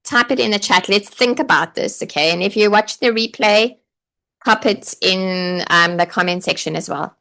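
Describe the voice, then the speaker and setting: Medium-pitched, gravelly and sharp in tone, a woman talks at normal speed while coaching aspiring online teachers on a live stream. Her chatty, encouraging session includes reading viewer comments aloud and frequent "like" and "okay" fillers.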